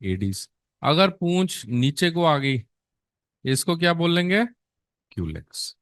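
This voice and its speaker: Slow and sing-song, a middle-aged man with a slightly high, fairly bright voice quizzes his nursing exam students in a blend of Hindi and English. He coaxes them, calls them beta, and answers his own questions. The studio sound is clean, with no room sound.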